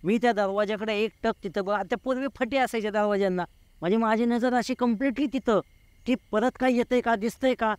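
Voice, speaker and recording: A man's voice: high-pitched, fairly even intonation, fairly quick, clear, resonant tone, dry recording. A man in his forties, a guest telling a true story in an interview, vivid and repeating words for effect.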